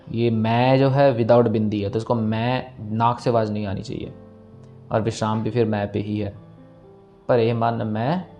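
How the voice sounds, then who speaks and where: A man teaching scripture pronunciation, reciting lines slowly and breaking words down syllable by syllable. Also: mid-range voice, darkish tone, dull audio. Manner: slow, careful, repeats lines syllable by syllable. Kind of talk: step-by-step recitation lesson. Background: faint instrumental music.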